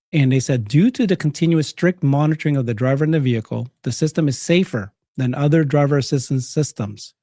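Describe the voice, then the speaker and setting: A man hosts a live breaking-news show in a mid-pitched, mellow voice. He comments on announcements and brings in his guests. The sound is dry and close, with very little room. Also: no echo.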